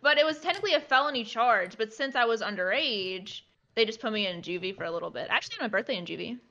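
A woman's voice: a little high, animated, quick pace, pushed and bright, lo-fi sound. A young woman telling a story in casual chat, with lots of "like" fillers. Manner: chatty, heavy use of "like" fillers.

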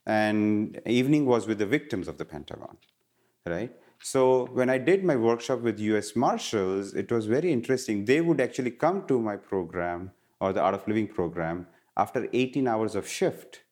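A man's voice: fairly low pitch, lively intonation, moderate pace, a little mellow. A middle-aged man from India in a casual interview, explaining things earnestly and animatedly, often restarting his phrases. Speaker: guest, wellness educator.

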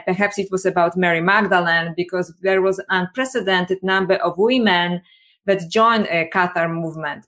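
A woman's voice: fairly low pitch, a bit bright. Hesitant woman on a discussion panel. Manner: halting, many fillers and restarts. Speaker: panel guest scholar.

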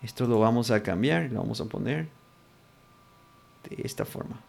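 A man's voice: mid-range voice, lively intonation, moderate pace, vocal fry, a little mellow, slight background noise. A man teaching a language lesson, patiently working through examples and checking in often with his students. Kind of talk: explaining a lesson.

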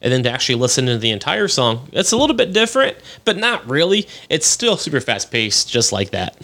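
A woman's voice: rumbling low, sing-song, fairly quick, a bit bright. A woman co-hosting a podcast in casual chat, joking around and laughing easily. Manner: joking, breaks into bits of song, laughs easily. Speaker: podcast co-host.

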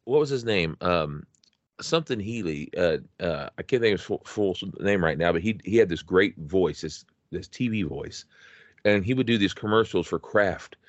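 A man's voice: deep voice, animated, moderate pace, no room sound, dull audio. A man co-hosting a podcast, chatting casually and nostalgically, rambling with many restarts. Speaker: podcast co-host.

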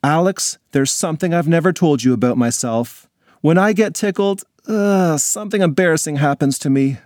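A man's voice: fairly high pitch, normal speed, a little mellow, dry recording, studio quality, pitched above the performer's own voice, close to an everyday voice. A man voicing a fussy, dramatic mother who talks in a theatrical, exasperated way.

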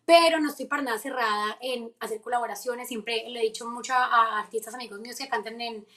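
A young singer talks through an interview in a lively, chatty way. Her voice sits a little high for a woman, and she slips English phrases into her Spanish with quick restarts. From Colombia. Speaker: singer-songwriter guest. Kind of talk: casual interview.

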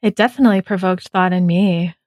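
A woman's voice: on the low side, a little fast, darkish tone, dry recording. A woman hosting a podcast conversation, speaking in a thoughtful, reflective way. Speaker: podcast host. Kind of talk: casual conversation.

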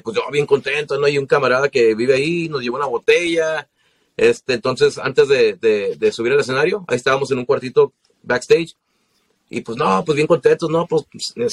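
A man with a Mexican Spanish accent, a singer telling stories in casual podcast chat, slangy and profane. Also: fairly high pitch.

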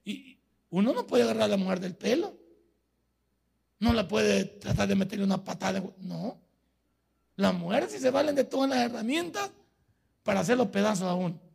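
Gravelly high-voiced Salvadoran pastor. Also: male voice, expressive, normal speed, long pauses, a little mellow. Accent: Salvadoran Spanish. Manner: folksy preaching with everyday anecdotes. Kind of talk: sermon.

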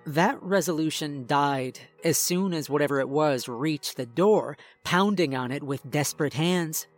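Male horror narrator, higher voice, tense and measured, faint music bed. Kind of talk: first-person horror story narration.

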